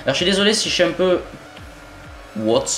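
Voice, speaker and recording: A young man from southern France with a southern French accent, giving excitable, swearing gameplay commentary as he plays an online shooter. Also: high voice, racing. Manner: excitable, swears often, jokey asides. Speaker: gaming YouTuber. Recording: roomy home recording with game music.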